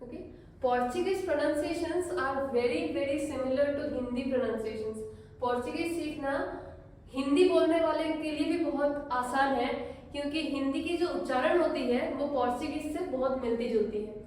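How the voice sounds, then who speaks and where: A woman teaching a language lesson online, slowly repeating words for learners, mixing Hindi and English. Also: high-pitched, a little mellow, a little hiss or hum. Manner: slow, careful teaching with repeated drill words. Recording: echoey room, voice from a distance.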